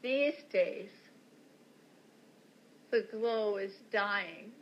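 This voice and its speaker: An actress playing a cryptic mystic woman from a television series, speaking in slow riddles over faint background ambience. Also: mid-range voice, dull audio, slight background noise.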